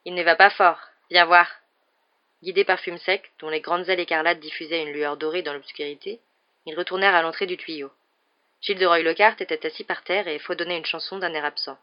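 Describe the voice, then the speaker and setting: Low-voiced woman reading an audiobook. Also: steady tone, brisk, highs cut off. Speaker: audiobook reader. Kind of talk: audiobook narration.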